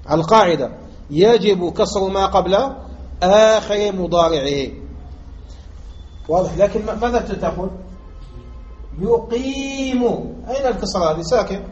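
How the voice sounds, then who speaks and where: A sheikh from Algeria lectures on Arabic morphology, working through a grammar text, questioning students rhetorically and hammering key points through repetition. He sounds high-pitched, expressive, and darkish, on a muffled lo-fi classroom recording with faint background noise.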